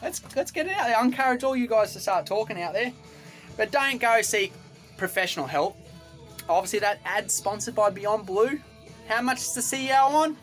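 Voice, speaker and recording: A man's voice: high voice, lively intonation, normal speed, a bit bright, soft background music. A young Australian man ranting to camera from a boat, rambling and repetitive, with a combative edge. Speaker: vlogger. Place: on a boat outdoors.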